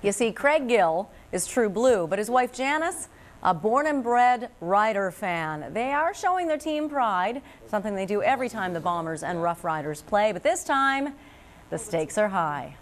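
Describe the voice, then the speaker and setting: A woman's voice: medium pitch, sing-song, normal speed. Folksy woman news anchor, Canadian accent. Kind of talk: scripted TV news narration.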